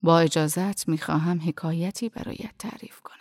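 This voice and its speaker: A calm, firm old dervish, as a woman reads him. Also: low-pitched, no echo, clean studio sound. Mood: gentle earnest. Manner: quiet, firm but gentle, often half-whispered. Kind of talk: audiobook narration.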